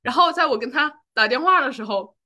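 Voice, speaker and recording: Quick bright-voiced young woman chatting. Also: sits high, lively intonation. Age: 20s. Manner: rambling, full of fillers and restarts. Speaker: podcast co-host. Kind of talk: casual personal chat.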